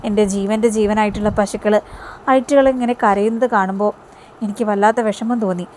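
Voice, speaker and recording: A woman's voice: medium pitch, steady tone, fairly quick, a little mellow, slight background noise, lightly acted. A woman voicing an older male schoolteacher, earnest and aggrieved, in a TV-serial retelling.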